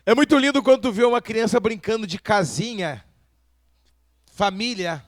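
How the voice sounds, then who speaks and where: Man, pastor, sermon, high-pitched, dry sound, questions to the congregation. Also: lively intonation, normal speed, dry recording. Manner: preaching with rhetorical questions to the congregation.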